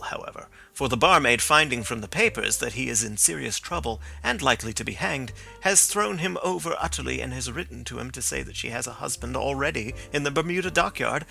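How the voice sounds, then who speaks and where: A man reads the role of a sharp, calm male detective who works through his reasoning in a measured, precise manner. His voice is mid-range with vocal fry.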